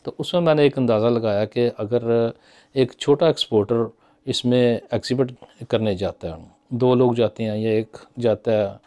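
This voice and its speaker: A man's voice: medium pitch, normal speed, dark tone. A middle-aged man from Pakistan talking casually to camera from a small office, thinking aloud with frequent fillers and gestures. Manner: conversational, musing, with many fillers and hand gestures. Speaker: business commentator. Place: small office with framed certificates on the wall.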